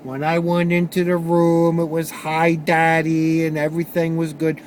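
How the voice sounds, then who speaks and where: A man with a fairly high voice tells a personal story candidly. He stumbles and repeats words as he goes, and he swears bluntly. A faint hiss sits under his voice. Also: little pitch movement, a little mellow. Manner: halting, repeats words while gathering his thoughts. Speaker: vlogger sharing personal stories.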